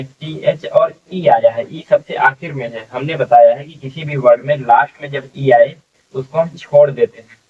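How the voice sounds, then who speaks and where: A man teaches beginner phonics, stretching each word out slowly and saying it again and again, with a checking filler after almost every step. He sounds set back from the mic. The recording is dull and lo-fi. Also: medium pitch, far from the mic. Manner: slow, drawn-out sounding out of words, repeating each one. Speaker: English reading teacher.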